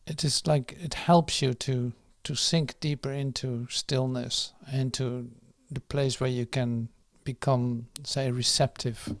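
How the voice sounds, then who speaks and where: A man guiding a meditation and slowly reading a prayer, soft and unhurried, with pauses and fillers. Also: medium pitch, fairly even intonation, no room sound. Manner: reads the prayer slowly and firmly. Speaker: meditation guide. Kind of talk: guided meditation.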